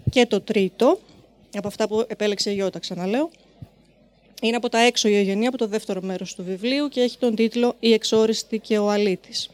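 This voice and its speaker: A woman reading poems and short prose aloud at a live literary event, with brief spoken introductions between pieces and a measured, rhythmic recitation. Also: medium pitch, darkish tone, no echo.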